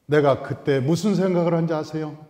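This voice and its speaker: A male pastor delivering a storytelling sermon in a church sanctuary, swinging between hushed asides and loud, emphatic outbursts. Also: a little high, brisk. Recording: echoey hall.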